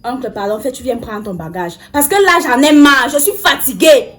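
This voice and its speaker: A woman's voice: high-pitched, animated, moderate pace, a bit bright, soft background music. An actress playing a tired woman pleading with her uncle, insistent and exasperated.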